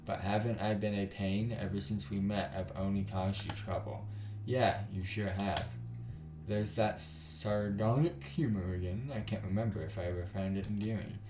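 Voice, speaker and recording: With a fairly low, fairly even voice at normal speed, a man who makes gaming videos on YouTube performs a visual novel, reading dramatically, doing character voices and commenting as he goes. Background noise and a roomy echo sit over guitar music.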